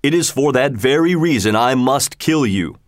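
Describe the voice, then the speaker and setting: Vengeful genie spirit, stern and commanding, slow and deliberate, read by a man, dry close sound. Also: mid-range voice, lively intonation, no echo, lightly acted.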